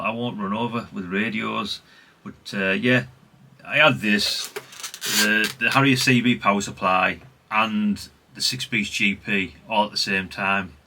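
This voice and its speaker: Gravelly and sharp in tone, this fairly low-pitched voice belongs to a middle-aged British hobbyist video host. His casual show-and-tell chat rambles, with frequent self-corrections and tag questions.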